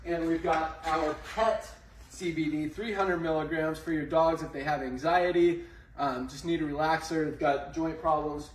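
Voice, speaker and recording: A man's voice: a little high, fairly even intonation, normal speed. A man giving a casual promotional tour as a company owner, with an informal, salesy way of talking. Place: indoor warehouse. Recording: echoey, noisy room, distant mic.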